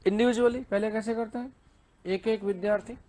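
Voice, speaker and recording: Man, high-pitched, Hindi accent, lecture, keeps asking questions and answering them himself. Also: steady tone, fairly quick, warm tone. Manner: asks and answers his own questions, mixing in read-out English. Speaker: English teacher. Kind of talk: exam-prep lecture.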